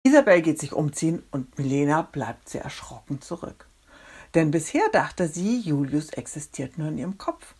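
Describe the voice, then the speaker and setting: A woman reading a children's book aloud with expressive, dramatic storytelling. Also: low voice, normal speed, slight background noise. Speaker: storybook reader.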